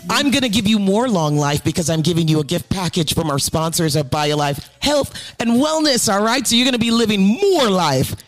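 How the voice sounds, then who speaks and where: High-voiced effusive male morning radio host. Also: sing-song. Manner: effusive, repeats phrases, drawn-out exclamations. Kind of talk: upbeat radio chat with callers.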